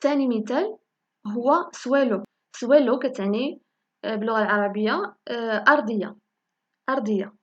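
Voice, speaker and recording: A woman with a Moroccan Arabic accent teaching a language lesson, saying each example word slowly and repeating it for learners. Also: fairly high pitch, a bit bright, dull audio. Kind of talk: spoken lesson in Moroccan Darija.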